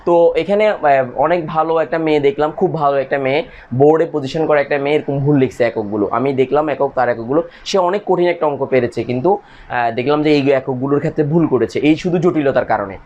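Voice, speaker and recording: A man, middle-aged, teaching a chemistry lesson at a board. He talks quickly in a slightly raised voice, circling back over each point and putting questions to his students. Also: a little high, a little mellow, lo-fi sound. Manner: repetitive, coaxing, asks students questions. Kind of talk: lecture explaining units at a board.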